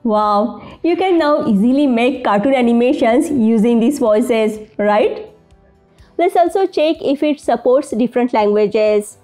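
A woman hosts a step-by-step software tutorial and is openly delighted by the results. Her voice sits high, with faint music playing behind her narration. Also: expressive, measured pace. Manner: enthusiastic, easily amazed. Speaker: tutorial host. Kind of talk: screen-recording tutorial narration.

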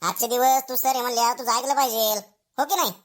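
A woman's voice: fairly high pitch, steady tone, fast talker, close to an everyday voice. A woman voicing a scolding male schoolteacher who hurls comic insults at his pupils in a village comedy skit. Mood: indulgent.

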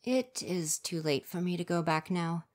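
In an ASMR roleplay, a woman voices a young would-be ninja who is prickly but soft-hearted, pitching her voice low for her range. The character gets flustered and snaps back defensively, yet speaks earnestly and gently about his hopes, at a moderate pace in a near-everyday voice.

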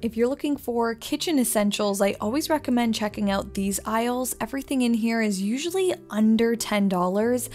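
A woman's voice: fairly high pitch, expressive, moderate pace, hardly any pauses. A young adult woman and interior designer giving upbeat, enthusiastic voice-over about home decor finds. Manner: upbeat, enthusiastic product commentary. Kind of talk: voice-over shopping narration.

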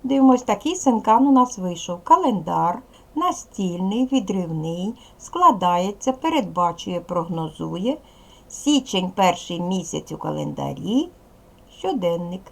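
A woman with a Ukrainian accent, a primary school teacher giving a recorded lesson to young children in slow, clear instructions. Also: fairly low pitch, big pitch swings.

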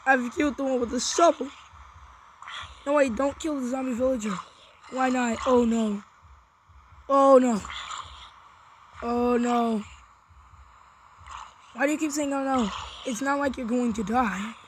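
High-voiced excitable woman gamer. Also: unhurried, pauses often, slight background noise, rough recording. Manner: excitable, yelps in panic during fights. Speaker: gaming channel host. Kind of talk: let's play commentary with role-play.

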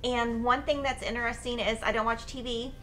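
A woman's voice: a little high, flat delivery, a little fast, pushed and bright, faint music behind. A woman in her forties hosting, chatting in an upbeat, talkative way in a studio. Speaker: host. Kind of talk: casual chat. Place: studio with Christmas tree.

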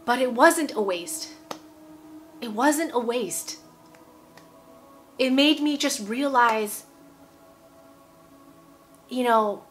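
Her high-pitched, somewhat bright voice carries a casual, emphatic sermon recorded to camera inside her home. She is a preacher in her forties who repeats phrases and keeps checking in with "okay?".

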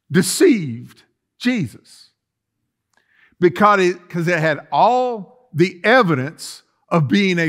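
A high-pitched, fairly bright-toned middle-aged man preaches a forceful sermon, relying on repeated phrases and rhetorical questions. He speaks as pastor in a church sanctuary lined with empty chairs.

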